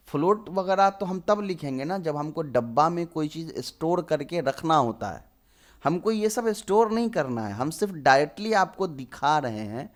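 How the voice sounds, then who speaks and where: Young male tutor, slightly high voice, explains code step by step. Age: 20s. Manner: explains step by step, asks and answers his own questions. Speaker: programming tutor. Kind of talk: screen-recorded coding lesson.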